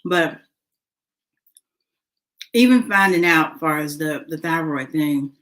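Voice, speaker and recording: A woman speaks in a low, relaxed voice, taking her time. She chats casually to her viewers, filling pauses with ums and uhs. She talks while eating. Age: adult, mother of a son. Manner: chatty, eats while talking, many fillers. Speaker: vlogger. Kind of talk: casual eating and talking vlog.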